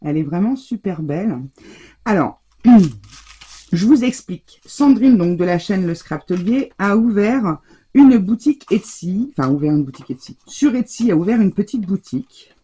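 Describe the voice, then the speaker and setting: A woman with a medium-pitched, expressive voice, mellow and slightly rough, speaks at a moderate pace. She hosts a craft channel and chats casually while opening her mail at home, gushing over each card with lots of little fillers. It's recorded by an overhead table camera in her home craft room, the shutter half closed.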